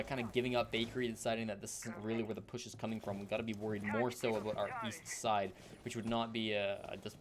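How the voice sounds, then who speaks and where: A man's voice: on the low side, background noise. A man doing play-by-play esports commentary, giving a running account of the action.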